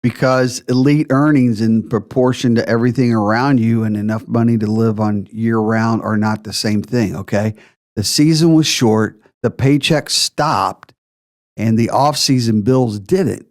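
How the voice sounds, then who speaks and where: A man's voice: medium pitch, unhurried, a little mellow. A man hosting a retirement planning podcast, explaining figures step by step with emphasis.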